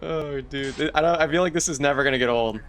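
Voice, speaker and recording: A man's voice: a little high, fast talker, heavy background noise. A man streaming a game with friends, joking around in casual, playful banter. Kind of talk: casual gaming chat.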